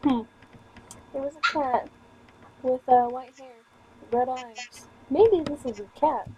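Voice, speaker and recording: A streamer reads a visual novel aloud in a casual let's play, tripping over words and throwing in irreverent, sweary comments. Her voice is high-pitched, slow, and warm, though the audio sounds dull with a little hiss or hum.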